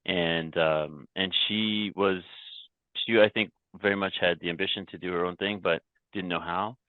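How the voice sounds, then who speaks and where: A Canadian company founder with a very low pitch appears as a podcast guest, telling his own story in a steady tone. His casual, reflective talk has frequent restarts and repeated words, and the remote line sounds thin, dry and phone-like.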